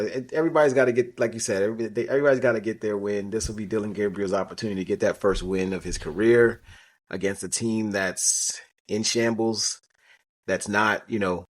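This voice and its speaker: A man's voice: on the low side, fairly quick. Rambling man hosting a sports podcast. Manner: rambling, filler-heavy, animated when riffing. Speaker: podcast host. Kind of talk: casual sports betting chat.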